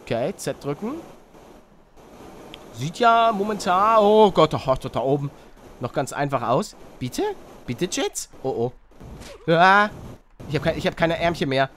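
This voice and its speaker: A young man doing excitable Let's Play commentary, yelping at failures and mixing in English slang. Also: on the high side, a little slow, long pauses, slight background noise. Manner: excitable, shouts and yelps at failures; mixes English slang into his talk. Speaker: gaming YouTuber.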